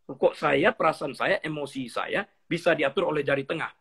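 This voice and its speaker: At a moderate pace, a middle-aged male pastor talks in a husky, slightly high voice during a laid-back teaching interview. His storytelling is animated, with acted-out bits of dialogue and English phrases woven in.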